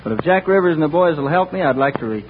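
A man's voice: on the high side, lively intonation, quick pace, slight background noise. A man on an old AM radio broadcast, introducing a song in an easygoing, folksy way. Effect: old AM radio broadcast sound. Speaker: singer and radio guest. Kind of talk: old-time radio banter. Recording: tinny narrow-band radio with loud music.

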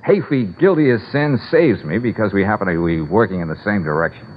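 A wisecracking private detective with a wry, easygoing delivery, played by a man. His voice is lowish and lively. The old broadcast is muffled and carries a faint hiss. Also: fairly quick, lightly acted. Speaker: lead. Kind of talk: 1940s radio acting.

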